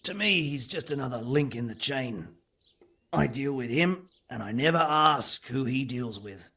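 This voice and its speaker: An actor playing a captured brigand under interrogation in a game, sardonic and evasive. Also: male voice, mid-range voice, lively intonation, unhurried, sharp tone, full character voice. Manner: sardonic, evasive, rough-spoken.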